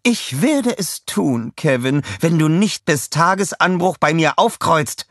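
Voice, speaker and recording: Narrator putting on a gloating storybook villainess, high pitched, slow cruel taunts, dry sound. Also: male voice, lively intonation, a bit bright, no room sound, full character voice. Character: scheming villainess, theatrical and cruel.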